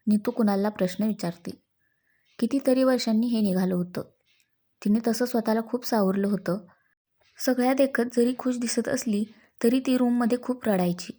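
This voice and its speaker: A woman's voice: fairly high pitch, moderate pace, warm tone. A woman narrating a dramatic family story, reading each character's lines in her own voice. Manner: reads every character's dialogue herself without changing voice.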